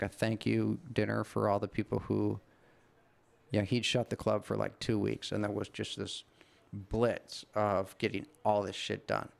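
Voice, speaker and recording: A man's voice: on the low side, creaky, clean tone. A middle-aged man casually telling a long, rambling anecdote on a podcast, swearing freely. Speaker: podcast co-host. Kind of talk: casual storytelling chat.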